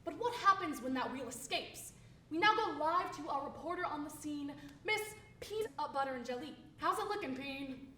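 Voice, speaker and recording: A woman's voice: sits high, expressive, normal speed, sharp tone. A woman playing a bubbly TV news anchor in a comedy sketch. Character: chirpy female TV news anchor. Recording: roomy, distant, noisy.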